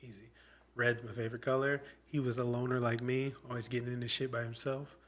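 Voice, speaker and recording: A man's voice: mid-range voice, little pitch movement, fairly quick, fairly bright tone. A man in his thirties hosting a podcast in loose, joking casual chat, swearing freely. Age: 30s. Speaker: podcast host.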